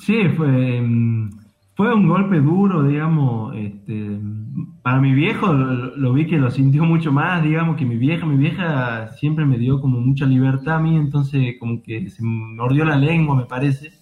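A man's voice: mid-range voice, measured pace. Argentine man on a tinny call line. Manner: reflective, hedging with frequent fillers. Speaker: interview guest. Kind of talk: casual conversation.

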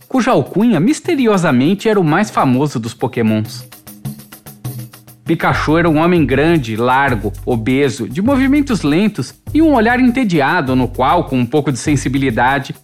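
An audiobook narrator reading a literary novel in a measured, expressive way. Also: medium pitch, faint music behind.

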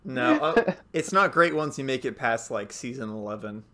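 A man's voice: mid-range voice, expressive, moderate pace, bright, forceful tone. Easygoing young man, trailing off. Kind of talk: casual chat. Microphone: remote call.

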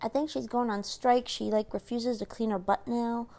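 A woman's voice: on the high side, fairly even intonation, normal speed, darkish tone. A young woman vlogging in a casual, rambling way, telling stories with lots of fillers. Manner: chatty, laid-back storytelling with lots of fillers. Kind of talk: casual chat.

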